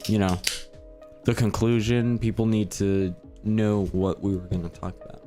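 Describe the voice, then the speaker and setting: A man with a lowish voice, chatting on a podcast in a laid-back way full of surfer slang and quick jokes. Faint music sits behind him. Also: little pitch movement, dark tone. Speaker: podcast co-host. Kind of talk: casual chat.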